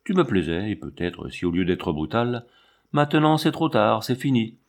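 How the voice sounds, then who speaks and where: Man voicing a firm middle-aged woman, storybook reading, stern, refusing, low voice. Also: big pitch swings, normal speed.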